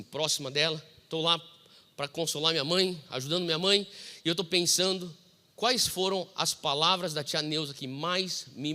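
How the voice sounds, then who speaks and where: Brazilian male pastor, 40s, animated storyteller with a sharp, ringing tone, reverberant hall sound. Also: fairly high pitch. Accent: Brazilian Portuguese. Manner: animated storytelling, acting out quoted dialogue. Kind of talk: sermon.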